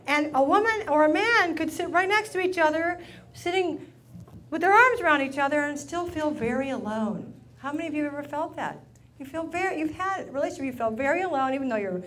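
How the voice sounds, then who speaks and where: A woman's voice: high-pitched, fairly bright tone, slight background noise. A woman giving a playful relationship talk to a live audience, often asking the room questions. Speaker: relationship speaker.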